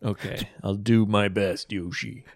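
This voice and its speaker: A man's voice: lowish voice, steady tone, vocal fry, no echo, clean studio sound. A man co-hosting a casual podcast, joking and teasing his partner. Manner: teasing, joking, slow and drawn out. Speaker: podcast co-host, English speaker. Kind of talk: casual bilingual chat.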